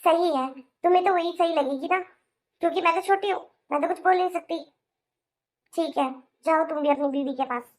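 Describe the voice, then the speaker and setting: A woman's voice: very high-pitched, brisk. A woman voicing a sulky young married sister in a cartoon, complaining in an aggrieved way with a Hindi accent. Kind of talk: cartoon voice acting.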